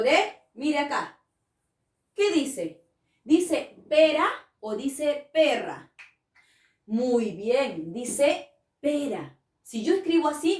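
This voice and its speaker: A woman's voice: high voice, distant mic. A woman teaching a spelling lesson to children, patient and coaxing, often asking the class questions. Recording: echoey room, voice from off-mic.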